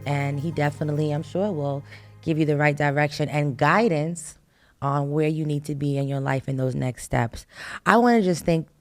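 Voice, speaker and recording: A woman's voice: low voice, moderate pace, faint music behind. A woman hosting a faith-based talk show, encouraging listeners in a casual, preacherly way. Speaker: host.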